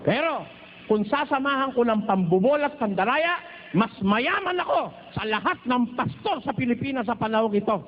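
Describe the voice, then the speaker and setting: A man from the Philippines preaching at a Bible study in a teasing, joking way, at times slipping into slow chanted singing. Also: very high-pitched, expressive. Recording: dull lo-fi recording with faint noise.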